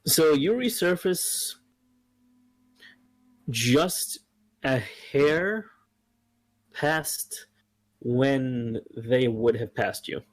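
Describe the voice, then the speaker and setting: A man running a tabletop game, unhurried and halting as he describes the scene. His pitch sits in the middle range. The sound is dry and close, with no room around it. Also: dry recording, low-quality recording. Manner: slow, hesitant narration with frequent ums. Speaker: game master.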